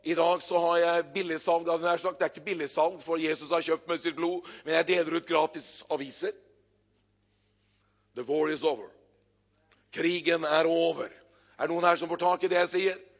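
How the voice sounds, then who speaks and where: Older male pastor, high voice, conversational with loud emphatic bursts, church sermon. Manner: lively storytelling preacher, builds to loud exclamations; conversational with frequent hesitations.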